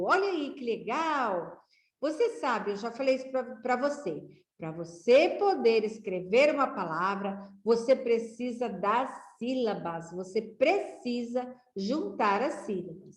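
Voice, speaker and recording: A Brazilian woman teacher giving a children's literacy lesson, reading aloud slowly in a sing-song way with rising exclamations. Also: a little high, reverberant. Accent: Brazilian Portuguese.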